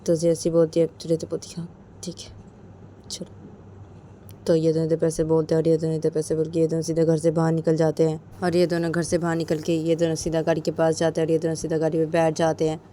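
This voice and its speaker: A woman's voice: sits low, completely flat delivery, fast, few pauses, mellow, slight background noise. A woman narrating a romance story in a plain, repetitive storytelling way.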